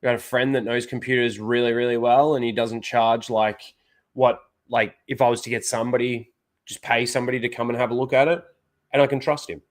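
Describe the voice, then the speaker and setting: Greeting chat members by name, the young host of this laid-back livestream rambles with many fillers, his nose clearly blocked. His medium-pitched voice shows little pitch movement and moves fairly quickly.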